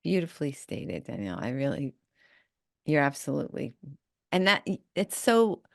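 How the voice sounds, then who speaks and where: A woman's voice: deep voice, very animated, moderate pace, gravelly, no echo, clean studio sound. A woman hosting a podcast, chatting casually and rambling with frequent restarts. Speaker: podcast host. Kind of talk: casual interview chat.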